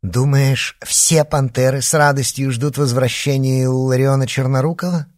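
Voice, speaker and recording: A man voicing a spiteful, scheming adult witch woman, taunting with threats in a husky voice. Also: mid-range voice, fairly even intonation, moderate pace, voice pushed up, natural voice. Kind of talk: audiobook character reading.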